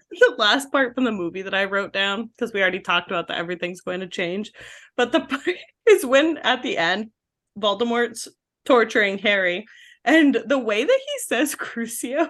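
A young woman co-hosting a casual book podcast, giggling often and acting out quotes. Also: on the high side. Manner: giggly, animated, acts out quotes. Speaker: podcast co-host. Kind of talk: casual chat.

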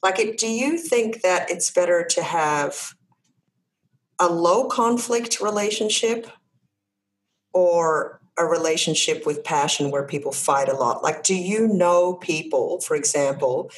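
A woman hosts a relaxed interview, her voice hoarse and croaky today. She sits a little low in pitch and works through her questions with frequent fillers. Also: measured pace, low-quality recording. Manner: thoughtful, explains terms with many fillers. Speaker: podcast host. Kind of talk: casual interview chat.

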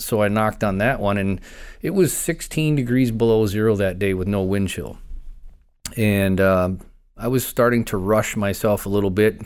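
A man, a former county investigator, recounting a personal story in an interview with measured pauses. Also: lowish voice, clean tone.

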